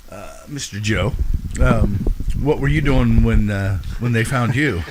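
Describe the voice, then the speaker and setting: A man hosting a casual band interview, easygoing and quick to laugh along, with halting restarts when he is excited. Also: fairly low pitch, background noise. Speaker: podcast host.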